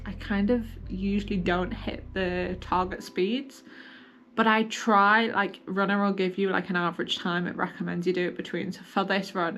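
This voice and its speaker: A woman's voice: mid-range voice, fairly bright tone. A woman chatting informally and self-deprecatingly to camera as a running vlogger. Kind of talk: casual chat to camera.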